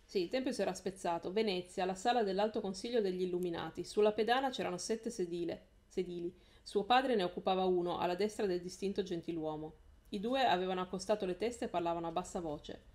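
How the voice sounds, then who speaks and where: A woman's voice: on the low side, fast talker, darkish tone. A woman hosting a live stream, reading a novel aloud in a casual way, often correcting herself and laughing.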